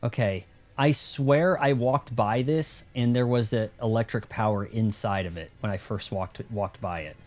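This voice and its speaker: A man giving casual, slangy commentary as he plays a game, rambling and thinking out loud. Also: on the low side, moderate pace, hardly any pauses. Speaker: video game streamer. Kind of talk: casual first-playthrough commentary.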